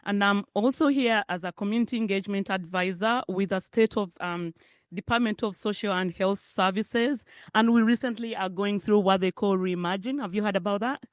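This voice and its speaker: A woman's voice: medium pitch, moderate pace, no room sound, studio quality. A middle-aged woman from Uganda with a Ugandan accent, giving a conversational keynote speech at a forum. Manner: warm, conversational, laughs often. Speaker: keynote speaker. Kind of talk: public speech.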